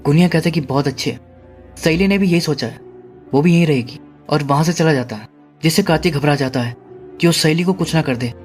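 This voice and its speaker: A man with a fairly high voice tells a horror film's story in a steady recap narration. He retells the plot and paraphrases the characters as he goes. Quiet music runs faintly beneath his voice. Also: brisk. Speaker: movie explainer.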